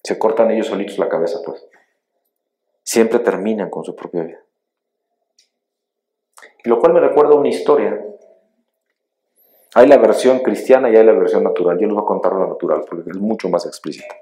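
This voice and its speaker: Man, middle-aged, pastor, sermon, very low voice, emphatic storytelling. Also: expressive, moderate pace, long pauses, mellow.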